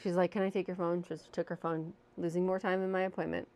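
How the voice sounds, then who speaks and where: Speaking quickly in a fairly low, dark voice with little change in pitch, a woman vlogger shares a personal story with candor and self-deprecating chattiness. A fan runs in her home room, and she uses a new windscreen-covered mic.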